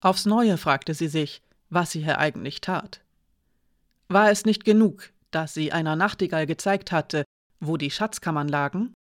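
An audiobook narrator reading a fantasy story in an even, clear storytelling manner. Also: mid-range voice, unhurried, dry recording, studio quality. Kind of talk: scripted narration.

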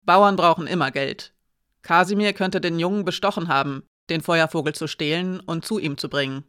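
A spirited young woman thinks out loud, quick to act and a little brash, rising in force as she argues her case, voiced by an audiobook reader. The recording is dry and close. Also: mid-range voice, clean tone, no room sound, lightly acted. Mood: eager. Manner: lively, talks aloud while thinking.

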